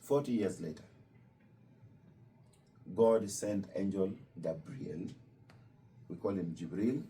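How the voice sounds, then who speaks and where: Visiting students hear a Luo-speaking imam from Kenya explain his faith, his very dark, mellow, low-pitched voice sounding animated. Patient, he slowly goes back over the key points. The mic is far from him, and a faint hum of room noise lingers behind.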